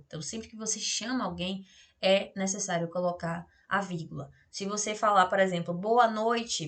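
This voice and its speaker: A woman teacher with a Brazilian Portuguese accent gives a remote grammar lesson. She explains in a chatty way, keeps checking in with tag questions, and acts out the example sentences with lively intonation. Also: mid-range voice.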